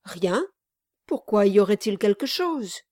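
A woman's voice: mid-range voice, very animated, measured pace, warm tone, dry recording, studio quality. A woman voicing an oily, scheming middle-aged male lawyer in an audiobook, speaking in a honeyed, falsely cheerful way. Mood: evasive.

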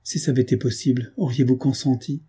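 A man reading an audiobook, voicing a brooding young man who pleads in a low, desperate voice. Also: steady tone, fast, mellow, breathy edge. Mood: pleading. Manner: low, pleading, then angry.

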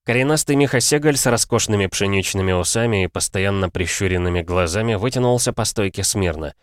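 A man narrating an audiobook in a steady, even storytelling manner. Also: fairly low pitch, brisk, clear, resonant tone, no echo, clean studio sound.

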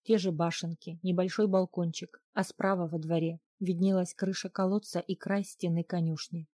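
A woman narrating a novel in the first person in an even, reflective reading. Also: on the low side, normal speed, no room sound, clean studio sound. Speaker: audiobook narrator.

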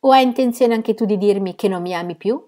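A woman voicing a lively, defiant grown-up aunt who calls out in high spirits. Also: fairly quick, close to an everyday voice. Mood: teasing. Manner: high-spirited, cries out in triumph.

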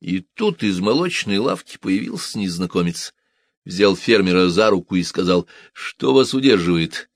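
Low-voiced male audiobook narrator. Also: moderate pace, no room sound, clean studio sound.

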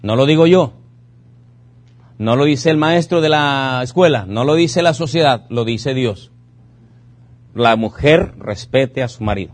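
A man's voice: mid-range voice, animated, unhurried, pauses often. A man preaching a sermon in a church, driving his points home with rhetorical questions and repeated commands. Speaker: pastor.

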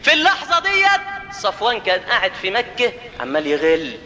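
A man's voice: high voice, huge pitch swings, brisk, bright, forceful tone, big-room sound, a little hiss or hum. A man with an Egyptian accent preaching a storytelling sermon, mixing jokey asides with formal quotes. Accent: Egyptian Arabic.

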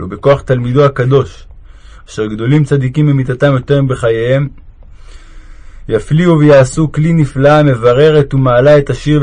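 A man at an ordinary mid-range pitch reads a devotional text aloud. He keeps an even, measured pace of recitation and sometimes restarts a phrase. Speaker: reader of religious texts.

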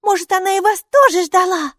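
A woman reading an audiobook and voicing an eager six-year-old girl with high, loud exclamations. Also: a little fast, no echo, studio quality. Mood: excited.

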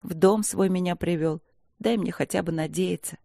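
A reader voicing a quiet, restrained woman army captain who answers her mother calmly and firmly, in an audiobook. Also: medium pitch, moderate pace, creaky, dry recording, clean studio sound, close to an everyday voice.

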